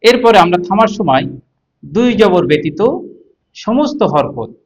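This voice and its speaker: A man teaching Quran recitation in a class, explaining step by step and spelling out letters and vowel marks slowly. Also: high voice, big pitch swings, rough recording. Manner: explains step by step, asks the class and answers himself. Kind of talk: classroom lesson on tajweed.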